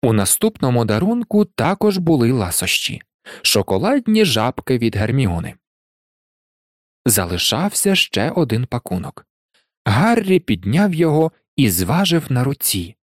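A man narrating an audiobook in an expressive storytelling manner. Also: mid-range voice, a little slow, no room sound, studio quality. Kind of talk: audiobook reading.

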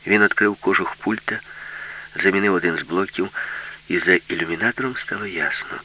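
A man narrating a children's science-fiction story in a steady, even storytelling manner, in a dull lo-fi recording. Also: low-pitched, brisk, breathy edge. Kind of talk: storybook reading.

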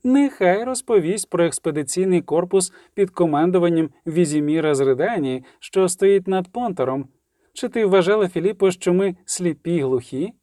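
A man voicing a calm, authoritative elder sorceress who speaks in measured, cutting sentences. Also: high-pitched, no room sound, studio quality. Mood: cool, commanding.

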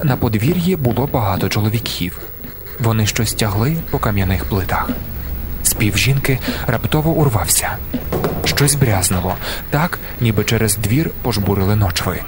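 Measured male audiobook narrator. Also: fairly low pitch, noisy background. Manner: measured, slowing for emphasis. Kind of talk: scripted narration.

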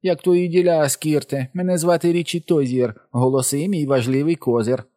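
A brash, showy boy clown of about eleven, always cracking jokes, raised high in a storybook reading, as a man voices him. The delivery is loud and teasing, with a dry close sound. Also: fairly even intonation, moderate pace, no room sound, lightly acted.

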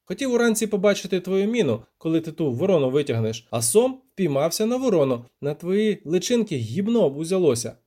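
A man performs a boastful, excitable male poet in a storybook reading. He talks in high, loud exclamations that leap around in pitch. The tone stays warm and soft-edged. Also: brisk, hardly any pauses. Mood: smug. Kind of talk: audiobook character voice.

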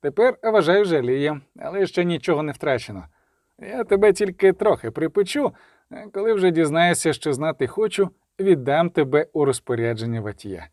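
A man voicing a cold, sardonic middle-aged male coroner who speaks in a measured, menacing way. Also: fairly high pitch, expressive, darkish tone, dry recording, clean studio sound, close to an everyday voice. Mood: mocking.

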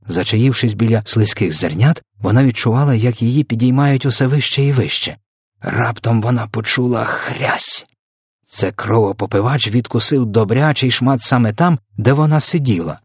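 A man's voice: medium pitch, breathy edge, dry recording, clean studio sound. A man narrating a children's storybook in a vivid, dramatic reading.

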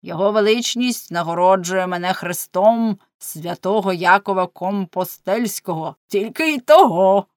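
A woman's voice: medium pitch, moderate pace, few pauses, no room sound, studio quality, natural voice. A woman voicing an arrogant male governor who mocks his wife in a scornful, pompous way, as a character in an audiobook. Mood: mocking.

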